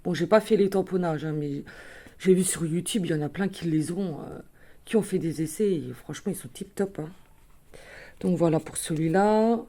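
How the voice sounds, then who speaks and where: Speaking at a normal speed in a lowish, dark voice, a woman casually walks viewers through her craft purchases. It's a chatty show-and-tell, peppered with fillers and minor self-corrections.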